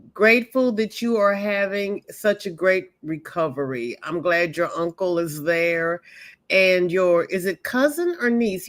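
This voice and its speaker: Speaking at a medium pitch with a fairly bright tone, this crochet channel host chats loosely with her livestream audience and welcomes each commenter by name. Her voice might be fragile, and she hopes it holds.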